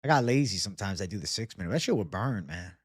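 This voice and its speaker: This twenty-something livestream host has a deep, expressive voice with a breathy edge, and he talks fast. He chats casually with viewers, reading and responding to their comments in sweary, slangy bro-speak. The sound is studio quality with no room tone.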